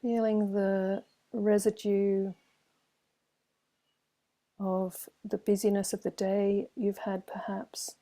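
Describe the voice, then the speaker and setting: Here a woman acts as teacher for a guided meditation. Her voice, pitched in the middle, has a dark, relaxed quality and stays nearly flat, and she delivers short phrases slowly and gently, separated by long soothing silences.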